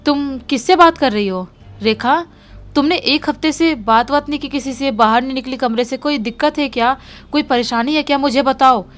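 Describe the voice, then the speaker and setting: A woman's voice: high voice, moderate pace, a bit bright. A woman voicing a worried, caring neighbor woman, asking anxious, pleading questions.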